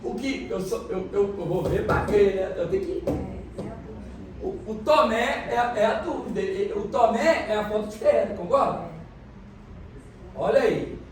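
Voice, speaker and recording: A man's voice: high-pitched, animated, measured pace, pauses often, a little hiss or hum. A man preaching a sermon as pastor, explaining things and questioning the congregation. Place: church hall. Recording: echoey church hall, mic from a distance.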